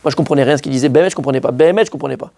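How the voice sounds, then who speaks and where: A man from France, a rabbi, telling a personal story in a lively, animated way, often acting out his own words. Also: mid-range voice, racing, gravelly.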